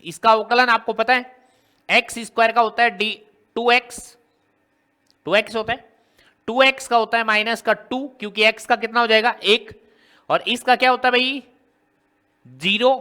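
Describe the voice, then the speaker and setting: A man's voice: extremely high pitch, little pitch movement, normal speed, pauses often, bright, forceful tone. A man teaching a maths lesson, working through a problem step by step and asking his students question after question. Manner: explains step by step, often quizzing students with rhetorical questions.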